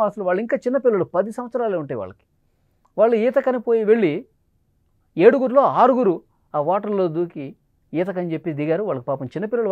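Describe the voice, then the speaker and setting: A man's voice: sits high, dry recording. A man giving somber, urgent news commentary that mixes pointed questions with grave reflection. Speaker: news presenter. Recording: dull lo-fi dry sound.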